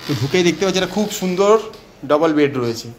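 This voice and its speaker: A man's voice: on the high side, expressive, rapid-fire, slight background noise. A man vlogging a walking tour of a guest house, chatting straight to viewers and listing each feature of the rooms. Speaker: travel vlogger. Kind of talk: walking hotel tour, casual chat to viewers.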